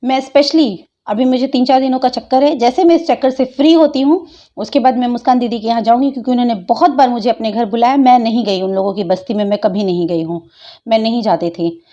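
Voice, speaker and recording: Scolding woman, mellow lo-fi voice. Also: on the high side, fast. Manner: taunting, scolding, mocking. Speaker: YouTuber replying to a critic. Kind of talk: angry reply vlog.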